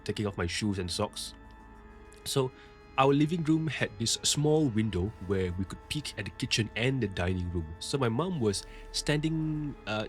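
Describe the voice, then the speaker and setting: A male podcast host retelling a listener's ghost story in a casual, conversational way, with frequent asides. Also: fairly low pitch.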